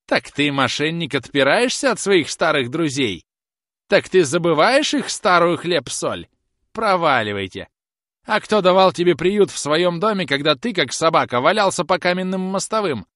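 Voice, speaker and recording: A man reading an audiobook, voicing a spiteful old woman with a shrill, jeering, scolding manner. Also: big pitch swings, fairly quick, few pauses, a bit bright, no echo, studio quality. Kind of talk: audiobook character voice.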